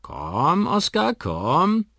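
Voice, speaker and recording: Man putting on a bright, brisk woman butcher. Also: a little high, wildly swooping pitch, no echo, studio quality, pitched above the performer's own voice. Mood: cheerful. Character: cheerful hearty woman butcher. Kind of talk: children's radio story.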